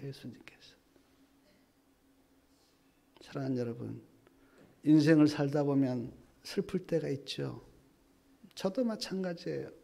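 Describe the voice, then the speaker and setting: A middle-aged man preaching a sermon as a pastor at a revival meeting, swinging between loud outcries and hushed near-whispers. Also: sits high. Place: church hall at a revival meeting.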